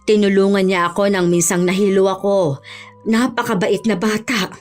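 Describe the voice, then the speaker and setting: A woman voicing a calm, knowing old woman neighbor in a horror radio drama. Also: mid-range voice, normal speed, soft background music, lightly acted. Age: older. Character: shrewd old woman neighbor who reads people.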